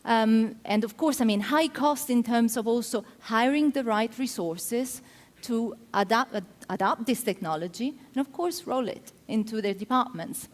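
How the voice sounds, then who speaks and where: Speaking at moderate pace in a slightly high voice, this conference speaker is a middle-aged woman from Italy with an Italian accent. She explains her points with plenty of ums. The talk takes place in a large conference hall whose long reverb fills the recording.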